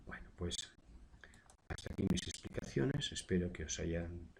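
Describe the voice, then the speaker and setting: Low, gravelly teacher, a man. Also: animated, normal speed, darkish tone, a little hiss or hum. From Spain. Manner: explains patiently with frequent "eh" fillers and tag questions. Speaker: secondary school language teacher. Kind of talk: recorded grammar lesson.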